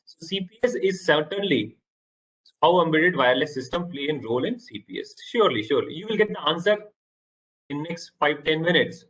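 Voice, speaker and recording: A man with an Indian English accent giving a halting online lecture over a video call, often repeating words. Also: fairly high pitch, lively intonation, a bit bright, rough recording.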